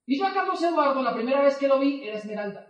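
A man's voice: very high voice, racing, dull audio. A man, telling a story to an audience as a motivational speaker and acting out the dialogue in it. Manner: lively, acts out dialogue in quotes. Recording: echoey hall, mic from far off.

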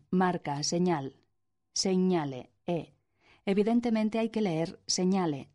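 A woman reads out a scholarly lesson, working through lists of old words with calm, methodical care. Her voice sits a little low and she takes her time, pausing between each term. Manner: measured, methodical, listing words one by one. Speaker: lecturer on medieval glosses. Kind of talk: read-aloud philology lesson.

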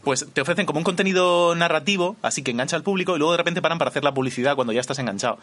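A man's voice: a little high, fairly bright tone. A man hosting a comedic podcast, joking playfully with his co-hosts in a theater bar. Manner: playful, jokey, quick asides. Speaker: podcast host.

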